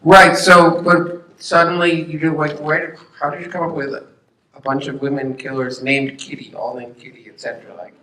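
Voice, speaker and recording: A chatty male moderator with a bright, slightly higher voice, leading a festival Q&A. He sounds distant, with a roomy echo around him. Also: steady tone, normal speed, a little hiss or hum. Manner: inquisitive, chatty. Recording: echoey room, heard from a distance.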